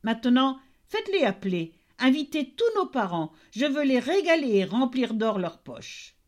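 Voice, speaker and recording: A woman's voice: sits high, very animated, moderate pace, a little mellow, voice pushed up. A woman voicing a boastful young male turner in a fairy tale reading. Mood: proud.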